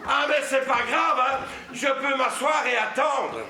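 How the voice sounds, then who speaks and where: A man's voice: extremely high pitch, unhurried, pushed and bright, some chatter behind, exaggerated voice. An actor on stage playing a long-winded male charity volunteer who stammers, repeats himself and lectures in slogans. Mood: insistent chatter. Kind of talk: stage comedy acting. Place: theatre stage. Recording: echoey theatre hall, background noise.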